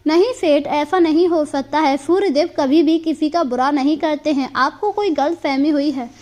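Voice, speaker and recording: A woman's voice: high-pitched, moderate pace, darkish tone, lightly acted. A woman voicing an honest, devout young village man in a storybook tale, speaking earnestly and pleading his innocence. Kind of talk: storybook character voice.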